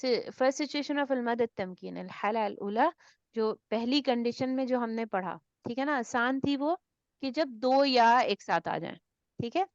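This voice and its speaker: A woman with a fairly high voice teaches a tajweed class over a video call. She explains patiently and keeps checking that her students follow. The sound is dry and a bit dull. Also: lively intonation, no room sound. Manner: checks understanding with frequent tag questions. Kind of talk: online class, mixing Urdu and English.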